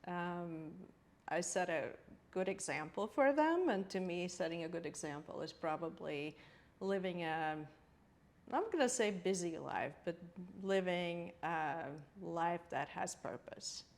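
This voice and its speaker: A woman's voice: fairly low pitch, expressive, a little slow. A woman from Latvia, a guest interior designer in a podcast interview, thoughtful and searching for words with frequent laughter.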